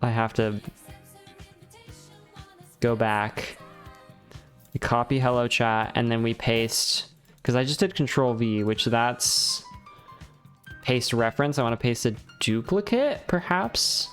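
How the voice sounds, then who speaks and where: A man's voice: medium pitch, takes it slowly, pauses often, a bit bright, soft background music. A man streaming live through a headset mic, muttering and rambling to himself while fiddling with his stream setup and swearing when it goes wrong. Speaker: livestreamer. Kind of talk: casual livestream chat while setting up stream software. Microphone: headset mic on a livestream.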